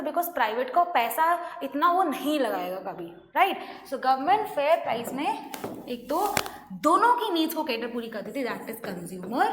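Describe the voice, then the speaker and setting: A woman teaching an online class, mixing Hindi and English and explaining by asking her students questions. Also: high-pitched. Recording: echoey room, faint noise.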